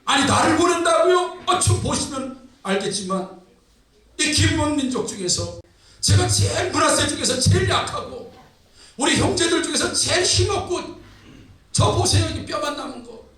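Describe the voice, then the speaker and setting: Pastor doing a desperate young guy yelling protests, high voice, big echoey hall, far off. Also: lively intonation, normal speed. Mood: incredulous protest. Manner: pleading, indignant, shouting protests. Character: anguished protesting young Israelite man, feels weakest.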